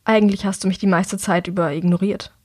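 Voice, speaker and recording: A woman's voice: medium pitch, steady tone, fast talker, darkish tone, dry recording, studio quality, lightly acted. A woman narrator voicing a troubled, withdrawn young man who speaks in a tense, subdued way. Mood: strained.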